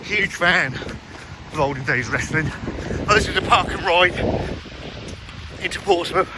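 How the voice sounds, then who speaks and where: Middle-aged man, higher-pitched voice, rambling sweary vlog chat delivered while running, very loud outdoor wind noise. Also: unhurried. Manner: talking while out running, in broken phrases; sweary, self-deprecating. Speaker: running vlogger. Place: outdoors along roads in the rain.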